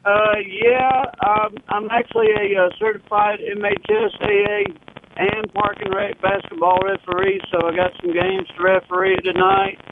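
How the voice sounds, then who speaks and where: A man calling a radio show over the phone, talking in a halting way with many fillers and restarts. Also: sits high, steady tone. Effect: phone line call-in. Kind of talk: casual call-in chat. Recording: tinny noisy phone line.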